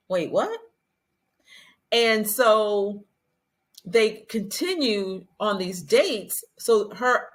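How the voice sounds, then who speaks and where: Animated, bright-voiced woman host. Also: medium pitch. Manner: animated, acts out quotes in a raised voice. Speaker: podcast host. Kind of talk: casual chat about a reality show.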